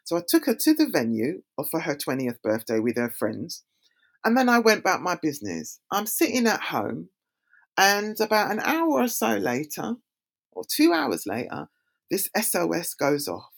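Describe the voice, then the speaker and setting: A woman's voice: lowish voice, normal speed, gravelly. A middle-aged woman, giving a talk on community and youth safety and acting out her own reactions as she tells stories. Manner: animated storyteller who acts out her own reactions. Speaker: community speaker.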